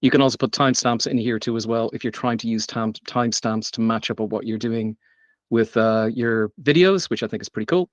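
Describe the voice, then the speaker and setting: Presenting unscripted at a technical meetup, a mid-range male speaker goes a little fast and keeps restarting, with plenty of ums. There's no room sound, but the audio is dull and lo-fi.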